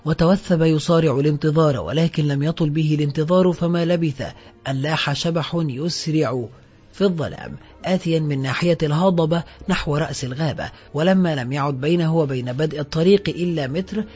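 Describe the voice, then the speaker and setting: Husky guy reading a novel, measured, kinda muffled lo-fi audio with faint music. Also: fairly high pitch, a little mellow. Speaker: narrator. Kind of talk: audiobook narration.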